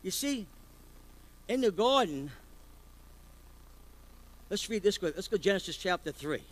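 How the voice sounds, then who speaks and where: A man's voice: high-pitched, animated, unhurried, rough recording. A man preaching a sermon as pastor, firing rhetorical questions at the congregation.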